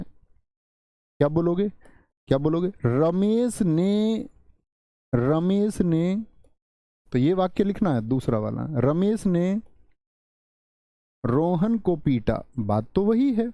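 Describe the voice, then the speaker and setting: A man teaches a live online Hindi grammar lesson in a very dark, mellow voice. He says his example sentences slowly, stressing and repeating them, and keeps putting questions to the students. The sound is dry and close to the mic. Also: a little high, no echo, highs cut off. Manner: asks the viewers questions and answers them himself. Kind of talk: live online exam-prep class.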